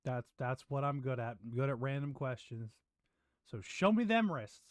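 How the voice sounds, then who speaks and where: A man's voice: medium pitch, big pitch swings, moderate pace, no room sound, lightly acted. A man voicing a weary, odd man who has been stuck in a dungeon for decades and asks rambling, random questions.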